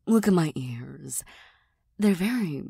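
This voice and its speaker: A tired, serious cat girl, voiced by a woman in a soft ASMR role-play for ASMR. She speaks slowly and breathily in a low register. Her manner is deadpan and hesitant, gently teasing and quick to put herself down. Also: vocal fry, husky, no room sound, studio quality, heavily acted. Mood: dry, doubting. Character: tired, serious, self-deprecating young cat-girl best friend.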